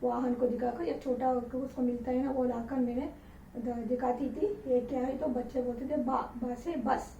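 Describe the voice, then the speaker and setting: A woman's voice: on the high side, little pitch movement, normal speed, warm tone, a little hiss or hum. A woman teacher giving a patient alphabet lesson, repeating each letter with example words as she dictates. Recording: roomy, distant, dull lo-fi sound.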